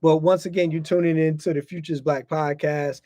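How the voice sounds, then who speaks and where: An American podcast host talks casually and informally, repeating himself often and tagging his phrases with "you know". His voice is on the high side with a dark tone and flat delivery, at a moderate pace. The recording is dry.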